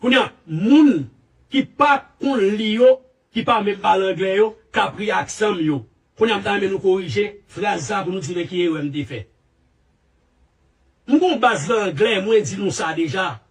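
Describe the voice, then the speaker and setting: A man with a Haitian Creole accent giving animated, repetitive, emphatic commentary. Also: sits high, moderate pace, distant mic. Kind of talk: casual commentary.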